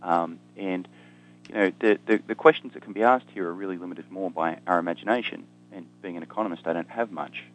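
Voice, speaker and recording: Low-pitched and a little fast, this Australian economist is a guest explaining ideas in conversation over poor audio. He jokes dryly at his own expense and keeps saying um and restarting.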